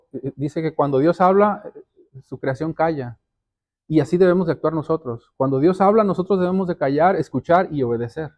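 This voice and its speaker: Mellow-voiced male pastor preaching earnestly. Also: fairly high pitch. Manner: earnest preaching, often repeating words as he builds a point; addresses listeners directly as brothers and sisters. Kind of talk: sermon.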